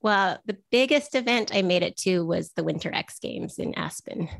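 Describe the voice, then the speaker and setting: A woman's voice: medium pitch, normal speed, creaky, no room sound. A woman in her forties from Vancouver, chatting as an interview guest and telling stories in a self-deprecating way. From Vancouver, Canada. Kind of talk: casual interview conversation.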